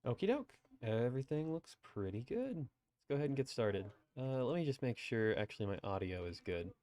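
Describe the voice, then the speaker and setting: A man's voice: mid-range voice, sing-song, brisk, a little mellow, no echo. Young guy from colorado streaming from home, easygoing chat with his viewers, laughs a lot. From Colorado, USA. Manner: chatty, laughs easily, reads chat aloud. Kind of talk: casual live-stream chat.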